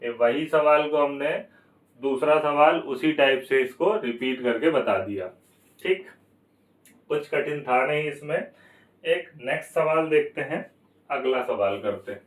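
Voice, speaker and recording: A man's voice: medium pitch, a little slow, reverberant, far from the mic, poor audio. A man teaching a maths lesson for exam prep, asking questions and answering them himself, going step by step. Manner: explains step by step, repeats key numbers.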